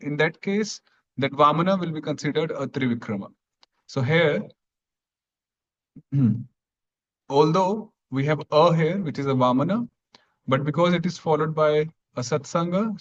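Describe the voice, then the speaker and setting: A man teaching an online grammar class, explaining patiently step by step and clearing his throat now and then. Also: fairly high pitch, lo-fi sound.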